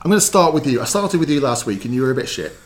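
A man's voice: medium pitch, sing-song, racing, noisy background. A man hosts a football chat show in loose banter. His voice sits in the middle of the male range, and he jokes and rambles along, filling gaps with ums and restarts. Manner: jokey and rambling, many fillers and restarts. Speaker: podcast host. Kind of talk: casual banter.

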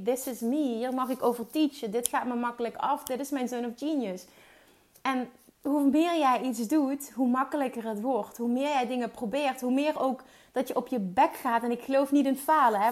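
Woman, high voice, energetic solo business-coach podcaster. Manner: energetic, mixes English words into Dutch, emphatic repetition. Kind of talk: solo motivational podcast talk.

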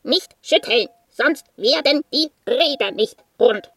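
A woman's voice: high-pitched, expressive, slow, slight background noise, heavily acted. A woman voicing a bored, muddled talking machine in a storybook, speaking in clipped, literal-minded phrases. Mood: fussy. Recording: loud clicks and phone noises.

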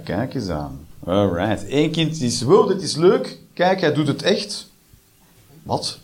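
A man doing a stand-up comedy routine, mixing deadpan dark jokes with sudden shrieked voices. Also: mid-range voice.

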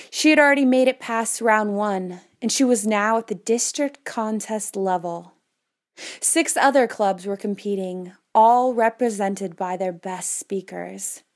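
A woman in her twenties delivering a prepared personal speech, telling a story with measured, dramatic pauses. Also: medium pitch. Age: 20s. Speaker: speaker.

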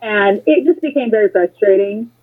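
Her mid-range voice has lively intonation and moves at a normal speed, though the connection sounds muffled and lo-fi, like a phone. This American woman, once a political candidate and now an interview guest, shares opinionated anecdotes in a blunt, sarcastic way with plenty of swearing.

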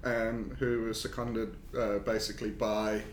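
A consulting engineer with a South African accent appears as a podcast guest, speaking casually and hesitantly with lots of fillers and restarts. His voice is level and a bit slow. The recording has an echoey room sound and a faint rumble.

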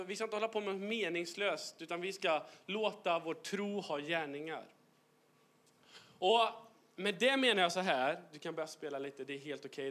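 A bright-toned man preaching in a church, lively and full of jokes. His voice sits high and sounds forceful, and he slips English phrases into his sermon. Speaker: youth pastor. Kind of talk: humorous sermon. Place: church hall.

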